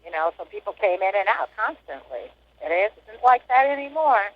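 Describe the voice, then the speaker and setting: A woman in her sixties, an inmate being interviewed, casually recalls her past in plain, matter-of-fact terms, her mid-range voice very animated at a normal speed. The recording is a dull, lo-fi prison phone call with a muffled line.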